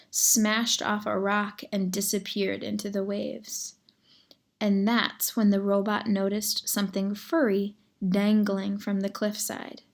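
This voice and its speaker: A woman with a mid-range voice narrates a children's novel aloud, measured and expressive, occasionally speaking directly to the reader.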